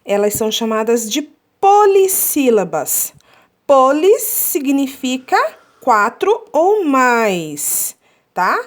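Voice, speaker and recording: Woman teaching young children, lively, sing-song delivery, drawing out syllables and checking in with the class. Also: high-pitched. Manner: slow, drawn-out syllable counting; checks with "tá?" often. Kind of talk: children's lesson.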